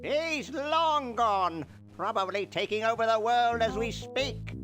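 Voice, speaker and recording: A man voicing a frantic, eccentric old scientist in a cartoonish adventure game, his voice high and strained. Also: slow, a bit bright, faint music behind, heavily acted.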